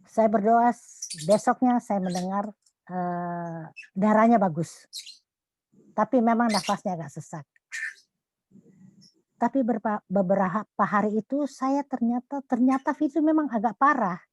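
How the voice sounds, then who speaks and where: An older woman giving a church testimony during an online service, speaking earnestly and haltingly, often dropping to a soft voice when she recalls her prayers. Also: mid-range voice, slight background noise. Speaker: congregation member giving testimony.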